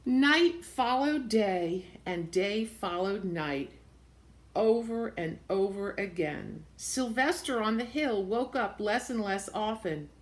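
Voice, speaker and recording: Slow-paced woman reading a picture book aloud. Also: mid-range voice, a little hiss or hum. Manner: expressive, repeats phrases, points things out to children. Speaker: storybook reader for young children. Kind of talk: picture-book read-aloud with simple asides explaining the pictures.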